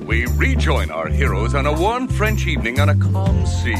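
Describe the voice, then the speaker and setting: A man's voice: medium pitch, huge pitch swings, moderate pace, over loud music. A man giving dramatic scripted narration as a storyteller.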